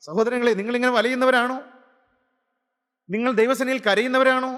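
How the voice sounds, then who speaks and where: Man preaching hard, lots of repeated questions, really high sharp voice, echoing hall. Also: steady tone, normal speed, clear, resonant tone. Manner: impassioned, piling up rhetorical questions and repeated phrases. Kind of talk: gospel sermon.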